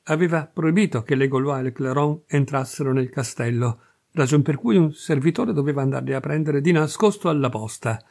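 A man reading a classic short story aloud as an audiobook, with measured, expressive narration. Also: fairly high pitch, creaky. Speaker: reader.

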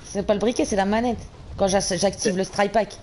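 A woman's voice: mid-range voice, steady tone, fairly quick, a little mellow, a little hiss or hum. A woman, chatting casually with teammates while gaming, teasing them, laughing and swearing freely. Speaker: streamer playing an online shooter.

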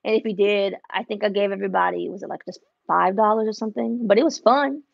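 This young adult woman talks fast in a gravelly, medium-pitched voice. A Spanish-speaking embroidery business vlogger, she chats casually on a livestream from her indoor embroidery studio, alternating English and Spanish. There's no echo, but the wireless earbud recording is muffled.

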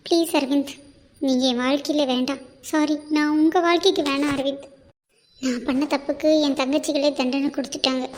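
A woman's voice: sits high, darkish tone, a little hiss or hum, close to an everyday voice. A woman voicing a remorseful young pregnant wife in a cartoon, talking in a tearful, pleading, self-blaming way. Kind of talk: amateur cartoon voice acting.

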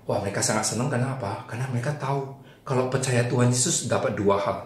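A man teaching Sunday school, telling a story to children in a lively way and asking them questions. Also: mid-range voice, fast. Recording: roomy echo, faint noise.

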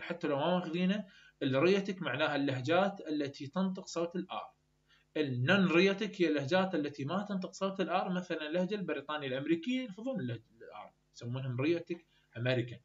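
A man with an Iraqi Arabic accent tutoring university English students for an exam, urging them on and mixing in English terms. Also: fairly high pitch. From Iraq. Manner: urgent, exhorting students, mixes English terms. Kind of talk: exam-review lecture. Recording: dull, lo-fi recording.

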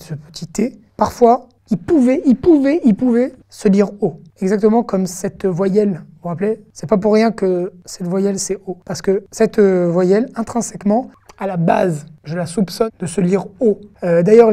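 A woman's voice: medium pitch, warm tone. A woman teaching an online language lesson, patiently sounding out syllables and checking in with her students. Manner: patient, repeats sounds slowly, checks in with listeners. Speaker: Hebrew teacher.

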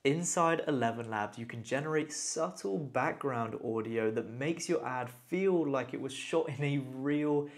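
Unhurried and with hardly any pauses, a medium-pitched male tutorial host guides the viewer step by step. The screen-recorded tutorial is casual and his tone enthusiastic.

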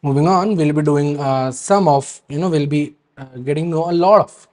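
A man teaching a grammar lesson, checking in with a frequent "right?" and pausing to hesitate. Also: on the high side. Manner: reads word lists in a steady, falling rhythm. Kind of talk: explaining grammar rules to students.

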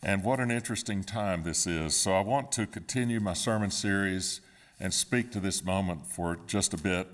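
A man in his fifties, a pastor at a pulpit in a church sanctuary, opening a sermon and reading scripture in a calm, measured way. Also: low-pitched. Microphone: standing at a pulpit, far camera.

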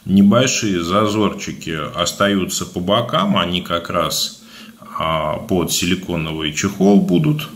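A man with a speech impediment on his r's, giving a casual, halting product review as a video blogger. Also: deep voice. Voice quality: burred, defective r sound. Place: indoors, at a table, hands-only shot.

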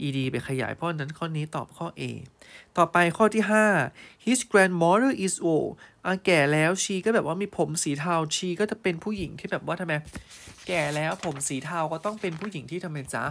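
A male teacher giving an online English grammar lesson. He reads test sentences slowly, then explains them fondly, calling students "child" and checking they follow. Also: a little high, fairly bright tone. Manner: fond, calls students "child" and checks understanding.

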